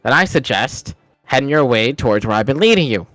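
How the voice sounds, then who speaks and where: A man's voice: medium pitch, expressive, brisk, fairly bright tone, dry recording, soft background music, lightly acted, rough recording. A man voicing a big old talking raccoon in a tabletop game, sly, smug and needling. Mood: smug, brusque. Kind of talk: tabletop game role-play.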